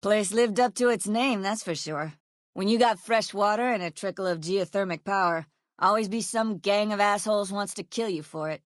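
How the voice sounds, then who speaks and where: A woman voices video game lines as a foul-mouthed, sardonic former sheriff now guarding caravans, blunt and folksy, weary and matter-of-fact. Her mid-range voice moves at a moderate pace, close to how she would normally speak, in a dry recording with clean studio sound.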